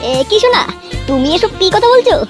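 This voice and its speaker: Cocky young lover in a cartoon, voiced by a woman, very high, fast, bragging, music loud. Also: sing-song. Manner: boastful, crude, fast. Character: boastful young male lover, a village club member. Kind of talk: comic cartoon dubbing.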